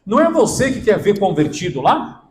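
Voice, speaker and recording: Pastor preaching with lively high voice. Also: male voice, fairly quick, echoey room, a little hiss or hum, rough recording. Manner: emphatic, asks the congregation questions. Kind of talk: sermon. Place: church hall.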